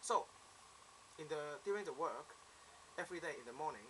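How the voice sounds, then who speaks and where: Bright-voiced young Hong Kong man. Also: on the high side, expressive, normal speed, slight background noise, rough recording. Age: 20s. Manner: earnest, plain storytelling with simple phrasing. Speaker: applicant. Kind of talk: self-introduction video monologue.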